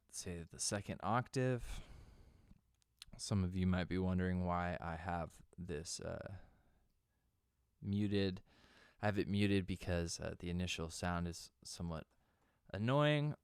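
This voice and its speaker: A man's voice: deep voice, clean tone, dry recording, studio quality. A young man, a music producer, talks through a synth tutorial in a loose, conversational way with plenty of fillers. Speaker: music producer teaching synth sound design. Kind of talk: casual software tutorial.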